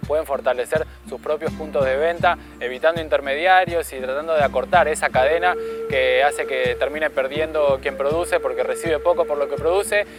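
A man's voice: on the high side, moderate pace, music in the background. A man from a farm union explaining his argument at length in an interview. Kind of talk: interview statement.

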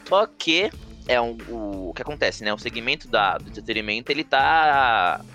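A man's voice: medium pitch, very animated, moderate pace, sharp tone. A Brazilian man hosting a casual, chatty podcast in slangy, informal speech, with music behind him. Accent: Brazilian Portuguese. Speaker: podcast host.

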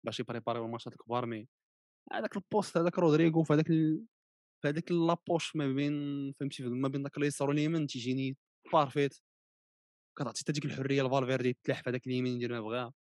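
A man's voice: medium pitch, rapid-fire, a little mellow, no room sound, studio quality. A man with a Moroccan Arabic accent chatting casually about football, mixing in French words and repeating his phrases. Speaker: football pundit.

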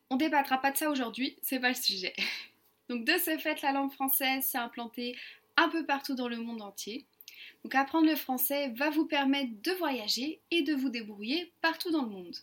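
A woman, host of an online lesson, talking to viewers in a friendly, clear way. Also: high voice. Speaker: French teacher and channel host.

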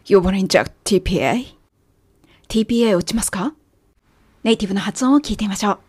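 Woman, native Japanese, English teacher, clear patient explainer, dry close mic. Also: medium pitch, fast talker, darkish tone, dry recording. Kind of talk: language lesson narration.

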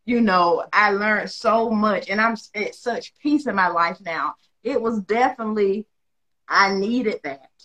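A woman hosts a loose conversation, emphatic and outspoken, swearing without a second thought. Her voice comes across bright and sharp. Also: medium pitch, unhurried, poor audio. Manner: blunt, emphatic, swears freely. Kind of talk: casual chat.

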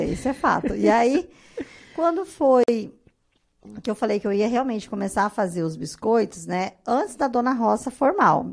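Woman from Brazil, thirties, casual podcast guest, lively storyteller, acts out quotes. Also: medium pitch, vocal fry, slightly rough. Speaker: guest, artisan biscuit maker.

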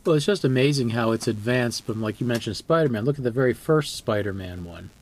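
Podcast guy, mid voice, steady and measured, casual. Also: mid-range voice, slight background noise. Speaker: podcast co-host. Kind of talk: casual chat.

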